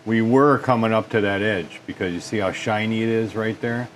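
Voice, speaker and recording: A man's voice: lowish voice, fairly even intonation, normal speed, a little hiss or hum. A man hosting a repair channel, casually demonstrating lathe work in his workshop and thinking aloud with folksy asides. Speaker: machine shop repair host.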